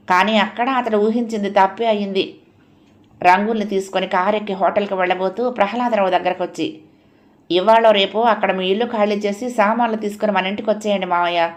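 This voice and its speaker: Woman narrating an audio novel. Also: medium pitch.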